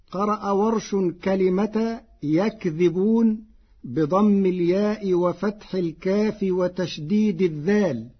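A man teaching Quran recitation readings in a measured way, slowing down to recite each example word. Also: high-pitched, slightly rough, lo-fi sound.

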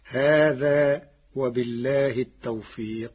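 Man, recitation teacher, measured lecture, lo-fi dull recording, slow delivery. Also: medium pitch, steady tone, husky. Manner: slow, deliberate, measured explanation. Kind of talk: scripted explanatory lecture.

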